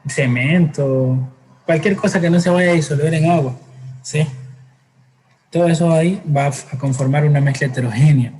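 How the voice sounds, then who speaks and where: Male science teacher, lecturing a class, somewhat high-pitched, patient, hesitant pauses, faint background noise. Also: darkish tone, rough recording. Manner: patient, explains with everyday examples and checks in with "¿sí?"; frequent hesitations and self-corrections.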